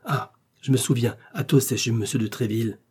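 Hot-headed and bold, this young swordsman barks orders with urgency, as a male narrator puts him on. The voice stays mellow and slightly husky. It is a classic adventure storybook read. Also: mid-range voice, fairly quick, natural voice. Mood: urgent.

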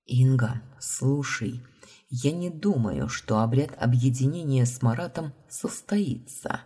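A woman reading the lines of a young man, the heroine's blond brother, in a calm, guilty, soft-spoken way. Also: very deep voice, takes it slowly, slightly rough, full character voice. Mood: hushed.

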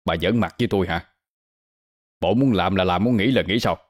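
A man's voice: sits low, brisk. Man voicing a sly henchman, stammering, horror story. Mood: menacing. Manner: stammering when frightened.

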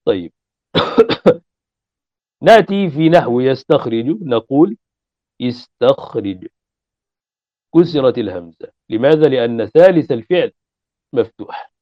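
A man's voice: mid-range voice, expressive, no echo. A man teaching a lesson, explaining step by step, repeating his examples and asking rhetorical questions. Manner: chants verse lines slowly. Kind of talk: classroom lesson on Arabic morphology. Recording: dull, muffled lo-fi recording.

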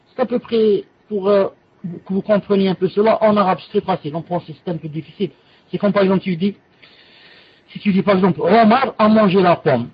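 A man's voice: sits high, breathy edge, muffled recording. A man giving a religious lesson, patiently explaining a classical text with repeated everyday examples and quoted Arabic passages. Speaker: Islamic teacher.

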